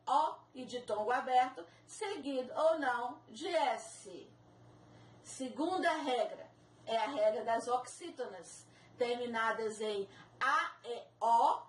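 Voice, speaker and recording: A woman teaching a recorded video lesson, going slowly and spelling out each example word with care. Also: high-pitched. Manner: slow, careful, spells out examples. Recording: echoey room, mic at a distance.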